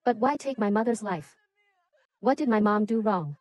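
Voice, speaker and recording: A woman's voice: mid-range voice, expressive, normal speed, a little mellow, no room sound, highs cut off, natural voice. A woman in an English drama dub playing a desperate young daughter who pleads and accuses through her grief. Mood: accusing.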